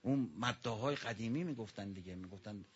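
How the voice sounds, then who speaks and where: A man preaching a sermon with a mourning elegy, swinging between loud outbursts and hushed passages and addressing his listeners directly. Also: on the low side. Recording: dull lo-fi recording.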